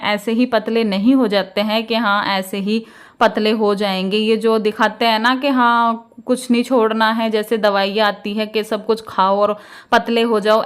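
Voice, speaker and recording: A woman's voice: a little high, clean tone. A woman from India in her thirties, chatting casually to viewers in a home vlog, sprinkling her talk with little fillers. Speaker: home vlogger.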